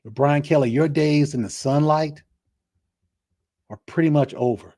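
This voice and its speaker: A man hosting a solo sports talk show, ranting bluntly about coaches and teams, often repeating words as he pushes his point. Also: medium pitch. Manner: blunt, opinionated, repeats words when excited.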